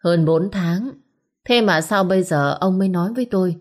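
A woman's voice: on the low side, moderate pace, lightly acted. A woman voicing a cold, domineering old patriarch who speaks curtly and mockingly. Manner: curt, mocking. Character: cold, domineering old father of a rich house.

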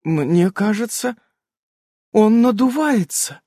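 A man voicing a cheeky, eager young daughter in a very high, childlike voice. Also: sing-song, moderate pace, breathy edge, no echo, studio quality, full character voice.

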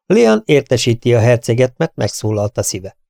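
A man reading a humorous novel aloud as narrator, in a measured storytelling manner, close to the mic. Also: mid-range voice, very animated, vocal fry, music in the background. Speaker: audiobook reader. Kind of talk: audiobook narration.

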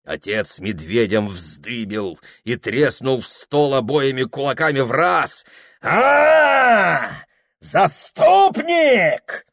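A man giving a dramatic, expressive audiobook reading of a literary story. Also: medium pitch, a little slow, hardly any pauses, dry recording, studio quality. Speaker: reader.

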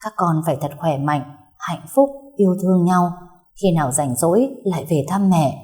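A woman's voice: lowish voice, moderate pace, warm tone, close to an everyday voice. A woman voicing a frail elderly village mother in an audiobook, murmuring tenderly through tears. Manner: murmuring, tearful.

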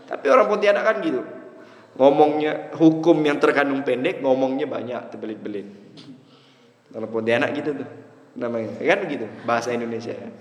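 A religious teacher lectures a class on Arabic rhetoric, weaving in Arabic terms and repeatedly checking that his students understand. He's lively, swinging widely between emphatic high lines and low asides, and the hall adds an echoey reverb.

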